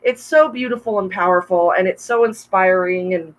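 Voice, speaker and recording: A woman co-hosting a casual livestream chat, bubbly and quick to laugh, with a bit of a cough. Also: medium pitch, poor audio. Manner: bubbly, laughs often, chatty with viewers. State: coughing, throat trouble. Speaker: podcast co-host. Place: home room, livestream with wine.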